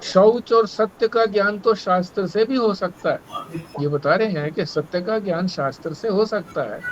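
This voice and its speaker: A man's voice: high-pitched, a bit bright, lo-fi sound, slight background noise. A man teaching scripture in a sermon, explaining with stories in a conversational way. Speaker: spiritual teacher.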